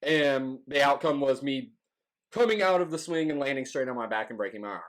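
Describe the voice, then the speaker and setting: A man's voice: medium pitch, expressive, brisk. A man hosting a casual challenge vlog, talking informally and repeating phrases for emphasis. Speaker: host of a hot wings challenge.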